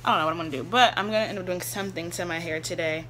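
A woman's voice: on the low side, very fast, background noise. A young woman in a casual, rambling vlog, chatting to her viewers with easy laughs. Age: young adult. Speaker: vlogger. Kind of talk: casual chat.

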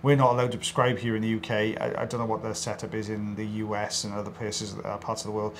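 A middle-aged man from South Wales, an audiologist co-hosting a procedure video, jokes around while talking directly to viewers in a South Welsh accent. His low-ish voice keeps a level tone and moves fast, over a little hiss or hum.

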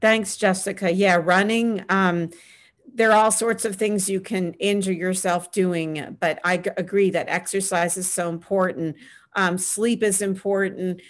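Answering questions on a video call panel, a middle-aged woman speaks earnestly and offers advice from a small home room via webcam. She frequently stops to say "um," and her medium-pitched intonation stays fairly even.

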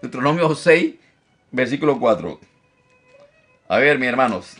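Animated preacher man with lively pitch. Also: normal speed, slightly rough, faint music behind. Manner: animated, mimics objectors in a high voice, repeats for emphasis. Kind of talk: live-streamed Bible teaching.

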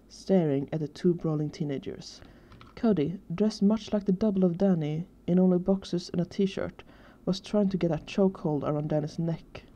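Very dark-voiced woman reading fan fiction. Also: fairly low pitch, highs cut off. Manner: steady storytelling narration.

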